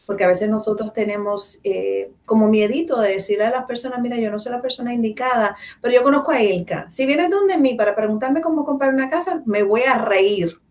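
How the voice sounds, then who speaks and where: A woman hosts a talk show in a slightly high voice, playful and emphatic as she moves between Spanish and English. She sounds a little distant from the mic. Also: brisk, few pauses, darkish tone. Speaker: host. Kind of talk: casual bilingual talk show chat.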